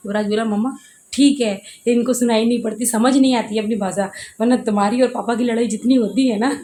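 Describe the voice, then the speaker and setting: A woman's voice: a little high, a little hiss or hum. A young woman chatting casually for her home vlog, rambling through everyday stories with lots of fillers. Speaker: vlogger. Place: at home in a kitchen. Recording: echoey home room.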